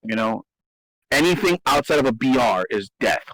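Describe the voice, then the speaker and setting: A man's voice: mid-range voice, very animated, moderate pace, a bit bright, no echo, low-quality recording. A man in casual talk, explaining game strategy and often restarting and repeating his phrases for emphasis. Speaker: host. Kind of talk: casual gaming strategy discussion.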